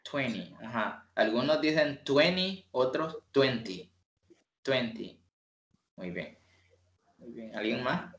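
A man's voice: medium pitch, animated, fairly bright tone. A man teaching an online English class, explaining numbers patiently and mixing in English examples. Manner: patient, explains slowly, mixes English examples into his talk. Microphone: video call.

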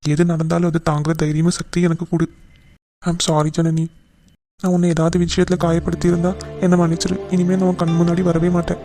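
A man's voice: fairly high pitch, monotone, a little fast, dark tone, soft background music, natural voice. A man voicing an earnest, remorseful young man in a cartoon, speaking in a pleading way. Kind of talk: cartoon voice acting.

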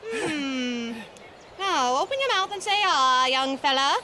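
A woman's voice: sits high, expressive, slow, pushed and bright, slight background noise, exaggerated voice. A woman voicing a friendly, playful talking-letter puppet on children's television.

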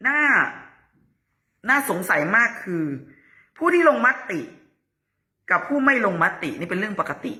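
A woman's voice: medium pitch, sing-song, unhurried, long pauses, bright, forceful tone. A woman hosting her own channel, chatting through the news in a casual, opinionated way and asking pointed questions. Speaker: political news commentator.

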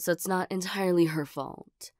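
A woman playing a flustered, nervous cat creature in a soft-spoken ASMR role-play, speaking hesitantly with stammers. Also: lowish voice, fairly even intonation, normal speed, no room sound, clean studio sound, natural voice. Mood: sheepish.

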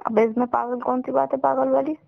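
A woman's voice: sits high, level tone, gravelly, dry recording. A young woman playing an insistent, stubborn girlfriend arguing on a phone call in a scripted drama. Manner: pushy, insistent, quick-talking. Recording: dull, dry lo-fi recording.

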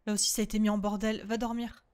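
A young adult woman streaming a horror game, chatting casually with her viewers. She swears freely, repeats herself in quick bursts and breaks into shrieks when the game startles her. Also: mid-range voice, level tone, a little mellow, clear, resonant tone. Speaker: gaming streamer. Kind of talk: let's-play commentary of a horror game.

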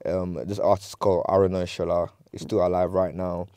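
Guy, low and dark voice, chill rambly storytelling, dry studio sound. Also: little pitch movement, brisk, clear, resonant tone, no echo. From Nigeria. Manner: laid-back storytelling, lots of "you know". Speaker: guest artist. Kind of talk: casual interview chat. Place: small recording studio, seated on a sofa.

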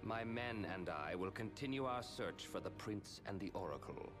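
An actor playing a haughty young military commander in a dramatic video game cutscene. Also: male voice, low voice, lively intonation, moderate pace. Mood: cold, resolute. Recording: clear game music behind.

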